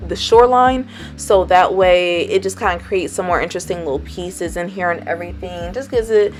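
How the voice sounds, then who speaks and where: A woman narrates a crafting tutorial in a relaxed, rambling voice-over, filling gaps with "um" and "like." Her voice sits on the lower side. Soft music plays faintly behind her. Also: fairly quick. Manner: chatty and rambling, heavy on fillers like "um" and "and everything".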